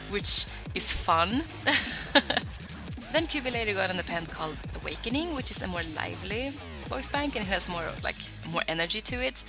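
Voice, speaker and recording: In a casual vlog, a young Swedish woman who creates voicebanks answers fan questions in a chatty, self-deprecating way. Her voice is mid-pitched with a gravelly fry, and music is clearly audible behind her.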